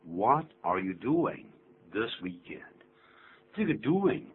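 Male radio English teacher, low lively voice. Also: slow pace. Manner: explains patiently, jokes, exaggerates pronunciation. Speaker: English teacher and program host. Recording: tinny phone-like radio recording with faint hum.

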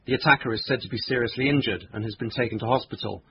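A man reading a scripted news report as a correspondent, in a measured, factual manner. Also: medium pitch, muffled recording, slight background noise.

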